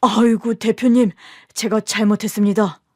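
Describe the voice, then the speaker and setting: A woman's voice: mid-range voice, steady tone, moderate pace, mellow, no room sound, studio quality, lightly acted. Woman voicing a nervous businessman husband. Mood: urgent. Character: middle-aged businessman husband, nervous, bossy to wife.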